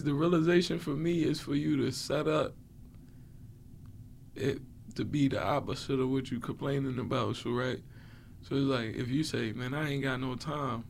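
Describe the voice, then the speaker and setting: A man's voice: fairly high pitch, gravelly, a little hiss or hum. A man in a casual, slangy chat, philosophizing in an easygoing way as a podcast co-host.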